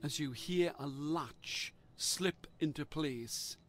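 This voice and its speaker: A man reading a dark gamebook aloud in a slow, measured storytelling manner. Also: on the high side. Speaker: narrator.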